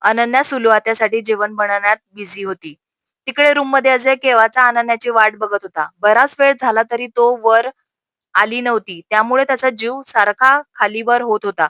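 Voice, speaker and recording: A woman narrating a scripted family story with a steady, expressive reading. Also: fairly high pitch, normal speed, no echo.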